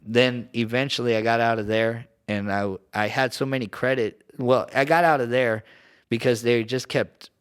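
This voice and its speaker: A man's voice: mid-range voice, fairly even intonation, normal speed, smooth. A man from Southern California, a podcast guest, telling casual stories in a rambling, slangy way with lots of fillers and restarts. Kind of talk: casual storytelling.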